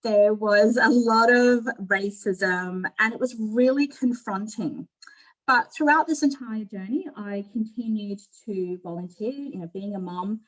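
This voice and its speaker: At a measured pace, a middle-aged woman with an Australian accent speaks in a mid-range voice, presenting informally and candidly about herself to an online forum panel over video call. The recording is rough.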